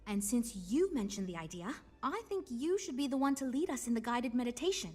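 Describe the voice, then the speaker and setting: Brief: a dry, patient game ship designer, a touch high-pitched, worn down but still trying. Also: female voice, lively intonation, fairly quick, darkish tone, faint music behind. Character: weary but earnest woman starship designer. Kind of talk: video game character dialogue.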